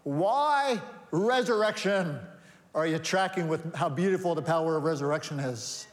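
In a church sanctuary, a high-tenor pastor speaks a little fast with fairly even intonation, stacking rhetorical questions and answering each with growing emphasis. A long echo trails his words, and there's slight background noise.

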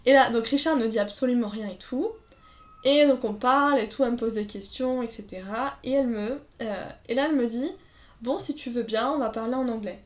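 A woman's voice: fairly high pitch, brisk. A woman telling casual anecdotes in a chat, acting out quotes and laughing along. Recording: roomy echo.

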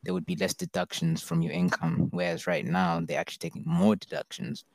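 A man's voice: deep voice, sing-song, fairly quick, gravelly, no echo. A young man in casual chat, telling things in a rambling, slangy way. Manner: slangy, rambling storytelling, frequent "bro".

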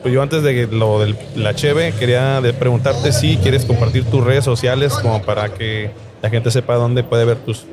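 A man with a Mexican accent co-hosting a casual street interview podcast, chatting in relaxed slangy banter. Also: medium pitch, normal speed, hardly any pauses, heavy background noise. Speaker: podcast co-host. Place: outdoors at a busy bar. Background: crowd chatter.

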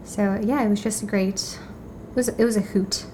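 A woman with a mid-pitched voice talks as a podcast guest. She tells her own story casually in halting phrases, with faint noise behind her. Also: fairly even intonation, darkish tone, poor audio.

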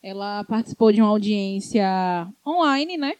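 A woman's voice: medium pitch, lively intonation, moderate pace, a little mellow, no room sound. A woman with a Brazilian accent and a slushy lisp on her s sounds, recounting news casually as a co-host. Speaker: show co-host.

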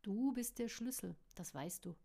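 A woman voicing a young man who comes back as a ghost and speaks quietly and insistently. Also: on the high side, expressive, normal speed, gravelly. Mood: urgent. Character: young man, ghostly visitor, urgent and pleading.

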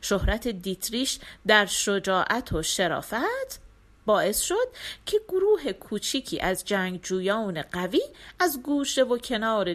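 A woman storyteller narrating a folk tale in a scripted, dramatic reading. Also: medium pitch.

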